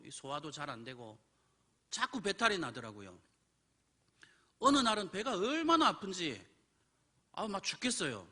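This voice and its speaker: Male preacher, animated storyteller with a bright, lively pitch. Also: slightly rough. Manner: animated storytelling, acts out quoted voices. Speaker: pastor. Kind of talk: sermon with personal story. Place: church.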